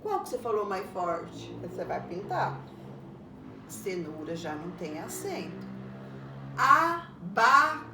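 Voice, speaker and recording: Slow patient woman teacher. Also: lowish voice, big pitch swings. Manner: patient, explains step by step, ends phrases with a tag question. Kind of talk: recorded lesson for young pupils. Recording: roomy echo, far from the mic, faint background noise.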